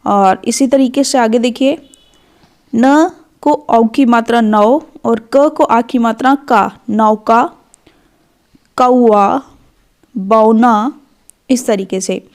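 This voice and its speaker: A woman teacher giving a children's phonics lesson, gently addressing the kids and reading words slowly, syllable by syllable. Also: on the high side. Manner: slow, drawn-out syllable-by-syllable reading.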